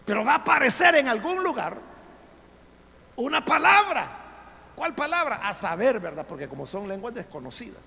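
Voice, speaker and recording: A male pastor preaches forcefully in a church sanctuary, his gravelly, bright voice pitched extremely high with big swings at a moderate pace. He fires rhetorical questions and addresses listeners directly, with long church reverb and faint background ambience on the recording.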